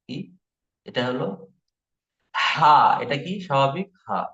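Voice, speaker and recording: A man teaching Quran recitation in an online lesson, patiently repeating each letter sound slowly for learners. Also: mid-range voice, sharp tone, roomy sound, highs cut off.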